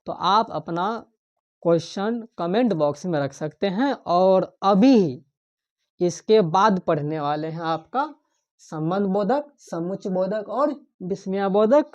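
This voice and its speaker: A woman teaches an exam-prep grammar lesson at an unhurried, deliberate pace, posing questions to her students and saying each key term twice. Her voice sits in a middle register. The recording is dull and lo-fi. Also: mid-range voice, lively intonation, a little mellow. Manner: asks the class questions and repeats key terms.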